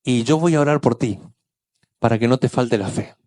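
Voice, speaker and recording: A man preaching a sermon as pastor, acting out Bible scenes with voices and lively storytelling. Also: medium pitch, moderate pace.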